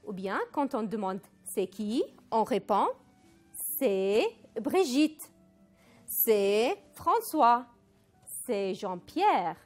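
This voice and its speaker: Casting: woman French teacher, slow and very deliberate, lively pitch, faint music behind. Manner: slow, deliberate model phrases for repetition, mixing in Arabic. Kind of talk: recorded language lesson.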